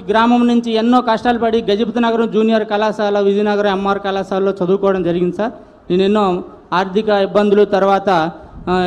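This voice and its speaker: A man speaks respectfully in a formal tone, and his voice is high and flat. He often calls the listener sir. The sound trails off with long reverb, as if across an open space. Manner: deferential, keeps addressing the listener as sir. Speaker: school principal. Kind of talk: formal speech at a public meeting.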